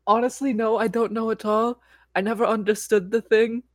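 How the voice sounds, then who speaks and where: Blunt, rambling player, dry sound. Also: female voice, fairly high pitch, flat delivery, moderate pace, dry recording. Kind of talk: playing a tabletop game in character.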